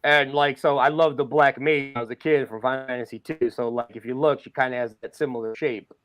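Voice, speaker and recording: A man chatting casually as a podcast guest, talking excitedly with lots of fillers about his art. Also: mid-range voice, fast talker. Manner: excited, rambling, many fillers. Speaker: guest artist.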